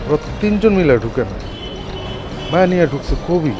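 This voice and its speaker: A man's voice: a little high, animated, a little fast, lo-fi sound, lightly acted. An actor playing a young male house caretaker, fussy and scheming, speaking in an anxious way. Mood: worried. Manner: anxious, calls everyone uncle-in-law. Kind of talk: TV comedy drama. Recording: music bed under dialogue.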